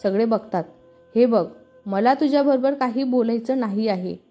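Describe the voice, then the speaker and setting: A woman reading the lines of a proud, quick-tempered young female college student in a storybook. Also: fairly high pitch, warm tone, faint music behind, close to an everyday voice. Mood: indignant.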